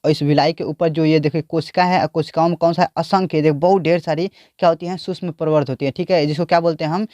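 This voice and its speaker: Guy teaching bio, high smooth voice, keeps asking "what do we call this?", dry close sound. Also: fairly even intonation, fast, hardly any pauses, a little mellow, no room sound. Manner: repeats questions to the class. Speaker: biology teacher. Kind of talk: explaining a diagram.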